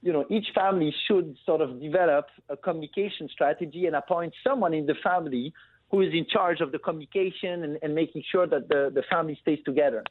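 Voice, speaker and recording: Calling into a business talk show, this guest is a man from Belgium who founded a family business; his voice is a little high and he talks fast. His delivery is relaxed and fluent but full of fillers, carried over a tinny phone line with a bit of faint noise.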